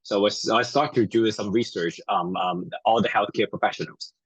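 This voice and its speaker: A man from Taiwan, a native Chinese speaker, chats in a friendly, halting way with plenty of fillers. His voice sits fairly low and has a husky edge. The room sounds dry and close. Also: no echo, highs cut off. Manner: friendly, hesitant, with many fillers. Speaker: guest chiropractor. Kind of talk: casual interview chat.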